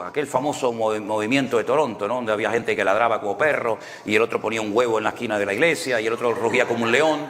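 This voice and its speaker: A man's voice: mid-range voice, fairly bright tone, long reverb tail. A man preaching a sermon in Canarian Spanish, telling stories in a conversational way and often asking rhetorical questions. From Canary Islands. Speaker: pastor.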